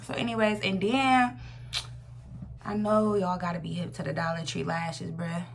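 A woman's voice: lowish voice, flat delivery, moderate pace, gravelly. A woman in her twenties with an American accent, chatting informally and slangily as a makeup vlogger. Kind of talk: casual chat, makeup tutorial. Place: small room at home, indoors. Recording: noisy home recording with hum.

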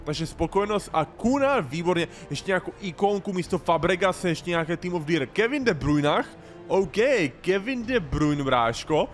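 Excitable gaming streamer man. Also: high voice, soft background music. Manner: slangy, calls viewers "bro" constantly; bursts into loud sing-song shouts when excited. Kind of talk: excited gameplay commentary.

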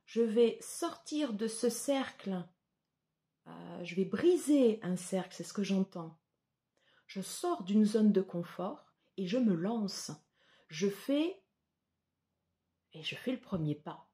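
A woman giving a tarot reading to her viewers, slow and hesitant with many fillers. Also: medium pitch, expressive, warm tone. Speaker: tarot reader.

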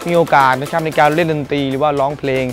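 His voice a little high and steady in tone, a young singer races through his words as he mentors students. In a polite, earnest presenter style toward the camera, this guest singer and workshop mentor appears first outside by a school building, then inside a music school.

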